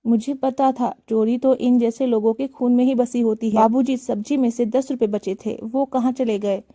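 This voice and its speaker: A woman voicing a harsh young daughter-in-law who shouts contemptuously at her in-laws. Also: on the high side, fairly even intonation, moderate pace, dry recording, studio quality, close to an everyday voice. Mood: scolding.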